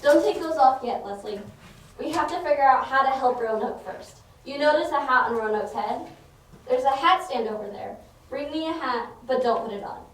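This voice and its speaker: An earnest, sensible detective's sidekick acted by a woman in a comedy drama, explaining with care. The voice is very high, distant and washed in strong room echo. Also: expressive, moderate pace. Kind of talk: theatrical comedy drama acting. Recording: very echoey room, distant mic, faint noise.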